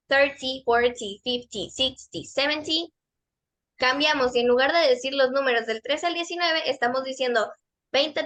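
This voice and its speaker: High, bright-voiced woman teaching pronunciation. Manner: patient, explains step by step and repeats model words. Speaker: English teacher. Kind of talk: pronunciation lesson for kids and teens.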